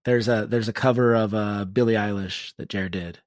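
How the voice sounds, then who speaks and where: A man with a slightly deep voice chats informally as a co-host. The sound is close and dry, with no room on it. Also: fairly even intonation, moderate pace, no room sound. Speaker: podcast co-host. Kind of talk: casual chat.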